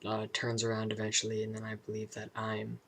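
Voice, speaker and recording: A young man talking casually and introspectively about personal matters in a vlog, halting and searching for his words. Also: lowish voice, completely flat delivery, gravelly, fairly bright tone. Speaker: vlogger.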